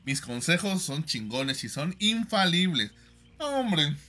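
A man's voice: on the high side, very animated, takes it slowly, pushed and bright. A young man with a Mexican accent chatting on a livestream, giving joking, slangy advice to viewers with lots of fillers. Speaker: livestream host.

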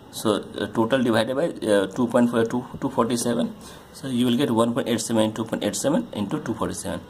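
Male chemistry tutor, halting delivery full of fillers, average pitch, light background hiss. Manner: halting, many uh fillers, pointing at a diagram. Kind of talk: explaining a solved problem on a board.

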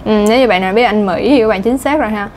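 A woman's voice: mid-range voice, racing, darkish tone, a little hiss or hum. A woman with a Southern Vietnamese accent, talking casually as an English pronunciation teacher, chatty and full of fillers. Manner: chatty, lots of fillers and little laughs. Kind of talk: casual chatty lesson talk.

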